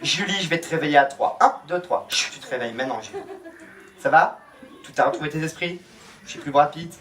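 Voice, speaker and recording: A man working as a stage hypnotist at a campsite show, speaking into a handheld microphone, slipping between slow hushed trance commands and playful teasing. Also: a little high. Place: campsite entertainment outdoors. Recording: live audience crowd behind. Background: audience crowd.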